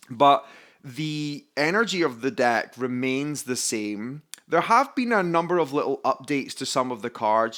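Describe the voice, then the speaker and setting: A man's voice: medium pitch, fairly bright tone. A Scottish man, probably in his thirties, enthusiastically hosting a casual vlog walkthrough of a card deck. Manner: enthusiastic, upbeat. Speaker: YouTube host presenting oracle decks. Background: faint background music.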